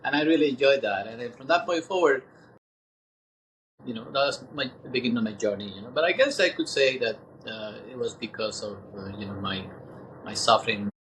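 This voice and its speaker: A man in his sixties talks as an interview guest, thoughtful and unhurried in his reflection. He halts and pauses as he gathers his words, in a middle-pitched voice. A faint hiss sits behind him. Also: fairly bright tone, poor audio. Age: 60s. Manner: thoughtful, halting, many pauses.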